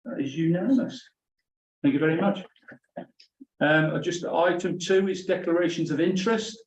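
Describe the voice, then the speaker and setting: Higher-voiced man chairing in an echoey room. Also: moderate pace. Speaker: council committee chair. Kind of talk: formal meeting procedure. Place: indoor council meeting room. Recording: roomy, distant, dull meeting-room recording.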